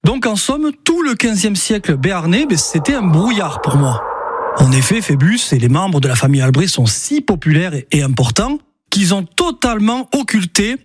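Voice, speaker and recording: A man presenting a chatty local history chronicle on the radio, in a lively storytelling manner. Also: high voice, moderate pace, background noise.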